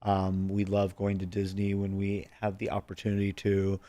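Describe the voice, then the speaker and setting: A man's voice: sits low, completely flat delivery, moderate pace, warm tone. A man co-hosting a podcast in casual chat, easygoing and filling with "um" and "like.". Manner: easygoing, with "um" and "like" fillers.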